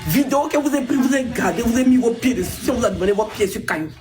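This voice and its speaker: A woman's voice: animated, very fast, over music. Indignant woman ranting on a live stream. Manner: indignant, scolding, full of rhetorical questions; sudden high exclamations. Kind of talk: social media livestream rant.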